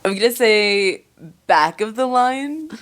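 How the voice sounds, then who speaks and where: A young woman from Pennsylvania, a guest in a casual interview chat, chatty and candid and quick to giggle. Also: on the high side, expressive, background noise. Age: young adult.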